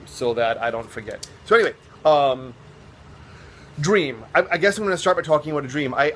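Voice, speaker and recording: A man's voice: medium pitch, fairly bright tone, a little hiss or hum. A man chatting casually to his vlog viewers, rambling and self-mocking as he jokes along. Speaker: vlogger, drag performer. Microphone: phone on a stand.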